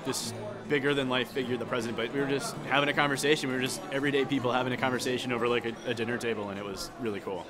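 A man's voice: mid-range voice, steady tone, racing, over music. A young man, a small business owner, talking eagerly and chattily in an interview. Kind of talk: casual interview.

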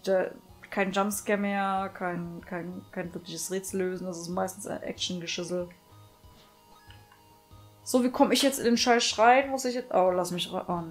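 A woman's voice: fairly low pitch, steady tone, normal speed, faint music behind. A woman giving casual, sarcastic commentary while playing a game, swearing and grumbling a lot. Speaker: let's play streamer.

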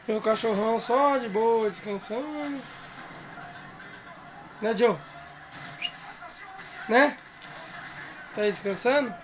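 A man's voice: extremely high pitch, slow, long pauses, noisy background. A man filming his family at home on a phone, chatting playfully and doting on the family dog. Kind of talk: casual home video narration. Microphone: phone camera.

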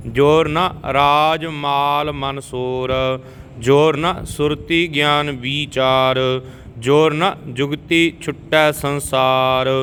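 Slow, even-toned man reciting scripture. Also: fairly high pitch, a little hiss or hum. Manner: measured line-by-line recitation, stopping to correct pronunciation.

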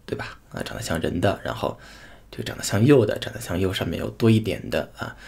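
A man teaching a pronunciation lesson, saying each sound twice in slow, drawn-out demonstrations. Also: sits low, very animated, creaky, darkish tone, husky. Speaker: language teacher.

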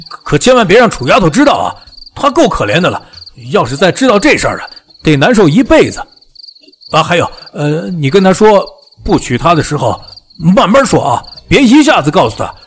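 A woman voicing an anxious middle-aged peasant man who stammers and hurries, with a raspy voice. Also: on the low side, a little hiss or hum, pitched below the performer's own voice.

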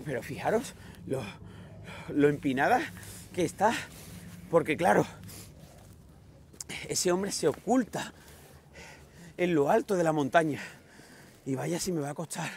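Spain Spanish male vlog host, a bit high and gravelly, dramatic with whispers and shouts. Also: a little hiss or hum. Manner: dramatic, alternating hushed whispers and excited shouts. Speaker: vlogger host. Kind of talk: staged adventure vlog addressing viewers. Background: loud background music.

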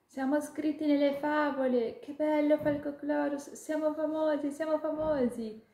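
A woman voicing an excitable, affectionate little female ladybug in a storybook tale, squealing with excitement. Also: a little high, normal speed, gravelly, voice pushed up. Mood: excited. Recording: echoey room.

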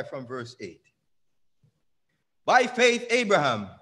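Into a stand-mounted pulpit mic in a small church, a young preacher speaks with a high, slightly bright voice. His sermon uses call-and-response, stretching out key words and putting questions to the congregation.

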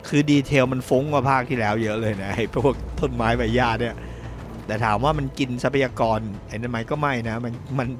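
A man's voice: medium pitch, fairly even intonation, a little fast. A man casually commentating on his gameplay, translating the game's lines aloud and chatting with viewers. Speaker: gameplay streamer. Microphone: desk microphone. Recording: game music mixed under his voice.

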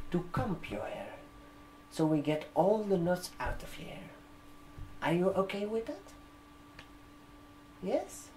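Playing a barber shop receptionist in a gentle ASMR roleplay, a man in his twenties whose first language isn't English speaks haltingly and stretches out his phrasing, pausing to ask check-in questions. His voice is high, and the low-quality recording has a little hiss or hum. He sits indoors at a desk with a laptop, typing on the keyboard.

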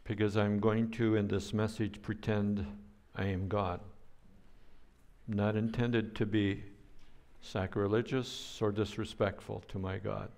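This is an older man preaching from the pulpit in an unhurried, measured way. His voice sits on the low side, and he now and then breaks into playful noises to make a point. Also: flat delivery, gravelly, a little mellow. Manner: slow, deliberate preaching with playful sound effects. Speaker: pastor. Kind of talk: sermon.

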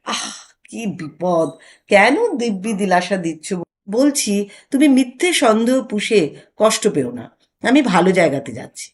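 A woman's voice: medium pitch, big pitch swings, unhurried. A woman narrator voicing a wry older husband who teases and mocks his wife. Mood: evasive. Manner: bantering, mocking.

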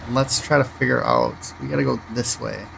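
A man's voice: medium pitch, fairly even intonation, brisk, vocal fry, noisy background. A man casually commenting on his driving game as he plays, thinking aloud and rambling between choices. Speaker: gaming channel host.

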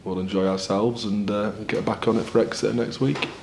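A man in his forties, a rugby head coach answering post-match questions at a press conference in a candid, measured, upbeat way. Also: fairly low pitch, fairly even intonation, gravelly, background noise. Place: small indoor press room in front of a sponsor backdrop.

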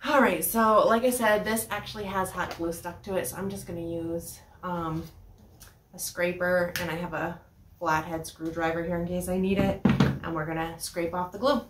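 A woman in her thirties hosts a casual furniture upcycling how-to vlog, chatting and explaining as she works in a small indoor workshop, with frequent ums. A distant camera mic picks up her lowish, steady voice at a normal speed, sounding reverberant amid background noise.

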